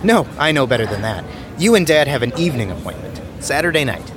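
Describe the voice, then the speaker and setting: An actor playing an eager, affectionate grown son, a little flustered. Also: male voice, mid-range voice, big pitch swings, fast, a crowd in the background, natural voice. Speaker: son and husband.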